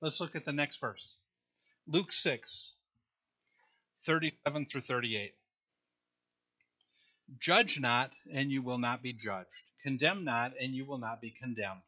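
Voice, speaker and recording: Bright-voiced man preaching a sermon. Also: mid-range voice, takes it slowly, pauses often, muffled recording. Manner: conversational preaching, reads scripture aloud, jokes with the congregation. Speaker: pastor.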